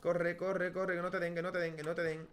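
Chatty Spanish gamer man, high voice. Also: little pitch movement, brisk, a little hiss or hum. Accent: Spanish from Spain. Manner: chatty, talks to himself and viewers, bursts into high yelps at deaths. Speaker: gaming YouTuber. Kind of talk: casual Let's Play commentary.

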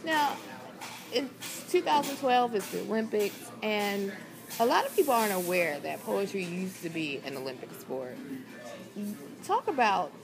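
A woman's voice: on the low side, poor audio. A young woman reporter chatting casually, stretching words for emphasis, filmed in a car on a phone at arm's length. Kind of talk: casual chat. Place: inside a car.

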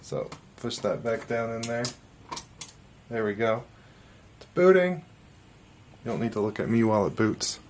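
A man giving a casual hardware review, chatty and quick to laugh at himself, heard through low quality audio from farther off the mic. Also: big pitch swings, a little mellow. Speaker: tech reviewer.

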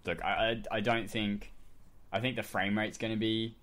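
A man in his twenties with a lowish voice, co-hosting a casual podcast. He rambles loosely, restarts his sentences and leans on fillers like "uh" and "like". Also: fairly even intonation, moderate pace, a bit bright. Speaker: podcast co-host. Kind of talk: casual chat.

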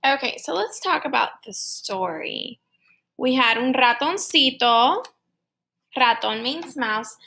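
A woman's voice: sits high, lively intonation, takes it slowly, gravelly, sharp tone. A woman kindergarten teacher patiently explaining a story to young children, word by word.

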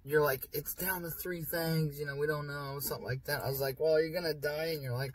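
A man's voice: a little high, fairly even intonation, fairly quick, breathy edge, no room sound, distant mic. A young man in his twenties giving short, plain replies in a parked car at night, recorded by a dashboard camera. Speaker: sister's brother and guest. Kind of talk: casual chat. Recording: voice a little off-mic in car.

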